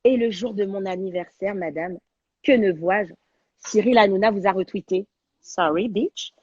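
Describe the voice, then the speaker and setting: A woman, a guest on a talk show, telling a personal story in an animated, slangy, dramatic way over a video call. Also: mid-range voice, normal speed, husky, muffled recording. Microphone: video call on a livestream.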